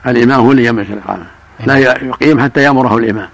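An older man, a religious scholar, answering questions in a measured, explanatory way. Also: medium pitch, creaky. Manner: measured, explanatory, chants call-to-prayer examples.

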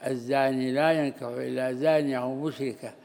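Man with a gravelly voice teaching scripture, flat even delivery. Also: mid-range voice, quick pace. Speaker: Islamic scholar teaching tafsir. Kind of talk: religious lesson explaining verses.

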